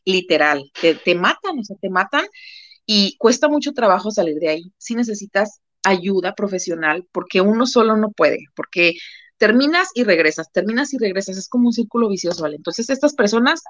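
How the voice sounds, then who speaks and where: A woman's voice: medium pitch, expressive, brisk, no echo, dull audio. A woman with a Mexican Spanish accent co-hosting a casual live-stream talk, emphatic and repeating phrases for effect. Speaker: co-host.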